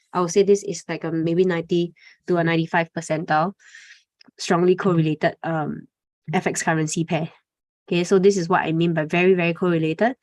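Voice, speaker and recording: Woman, lowish voice, trading webinar instructor, casual with filler words, dry close mic. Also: darkish tone, no room sound. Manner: conversational, frequent "okay" and "right?" tags, fillers. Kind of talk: live webinar presentation.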